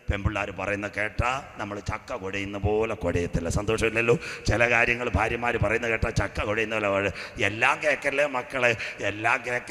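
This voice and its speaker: A male pastor preaching a sermon, telling a story with comic asides and building to loud, fervent calls. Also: on the low side, long reverb tail. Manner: storytelling with comic asides, often calling "praise the Lord".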